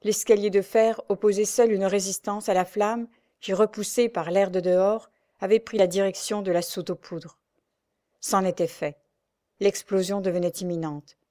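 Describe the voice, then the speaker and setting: A woman narrating an adventure novel aloud in a steady, dramatic storytelling voice. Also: medium pitch, normal speed. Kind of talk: audiobook reading of an adventure novel.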